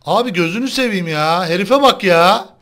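A young man chatting casually while playing a game, excitable and quick to complain to his viewers. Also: high-pitched. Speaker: gaming channel host. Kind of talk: casual gameplay chat.

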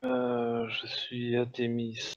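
Male tabletop player, casual talk, mid pitch, dull online chat sound. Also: very animated, slow, vocal fry, dry recording.

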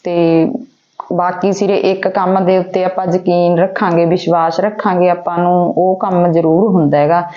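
A woman's voice: fairly low pitch, flat delivery, normal speed. A woman chatting casually to vlog viewers, exclaiming and repeating phrases for emphasis. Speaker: home vlogger. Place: at home, kitchen and outdoor upper level. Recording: dull lo-fi sound with faint noise.

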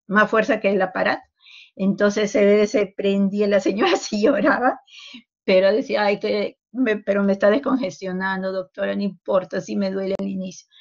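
A woman giving a university medical lecture, explaining calmly and tagging her sentences with a questioning "no". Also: medium pitch, vocal fry, dull audio. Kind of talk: university lecture over a call.

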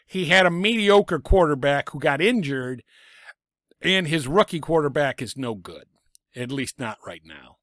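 A middle-aged man, raspy from a lingering cough, gives casual football picks as a sports vlogger, blunt and sarcastic about teams and coaches. His fairly high, fairly bright voice has lively intonation while his pace runs a little slow. He speaks into a desk microphone in a small home room full of sports memorabilia; the recording is studio quality with no echo.

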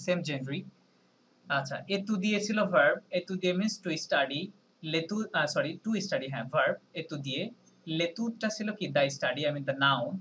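A man teaching a French lesson on a video call, explaining slowly, spelling words letter by letter and often checking in with his students. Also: fairly high pitch, fairly bright tone, slight background noise, poor audio. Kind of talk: online language lesson.

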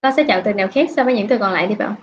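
A woman's voice: mid-range voice, slight background noise. A woman English teacher from Vietnam, patiently questioning students in an online class over a video call. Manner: patient, questioning, drawn-out prompts. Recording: dull lo-fi online class audio.

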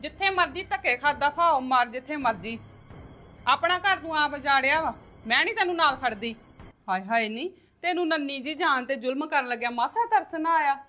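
A woman's voice: high voice, expressive, a little fast, pushed and bright. A woman playing a stern middle-aged mother who lectures and curses her married daughter in a family drama. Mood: scolding.

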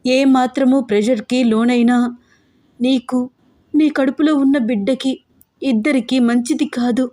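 A woman's voice: sits high, fairly even intonation, measured pace, dark tone, voice pushed up. A woman voicing a young medical student, an anxious younger sister who soothes her sibling through tears in a storybook reading. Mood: crying. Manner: crying, soothing.

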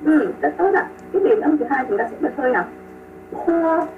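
A woman's voice: high-pitched, animated, fast talker, recorded from a distance. Woman, pronunciation teacher on a video call. Repeats and models sounds, praises students. Tinny phone-like audio with music under it. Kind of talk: online pronunciation lesson.

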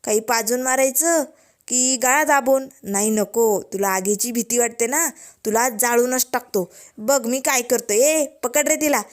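A woman voicing a cruel male villain who taunts in a slow drawl. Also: on the high side, lightly acted. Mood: taunting.

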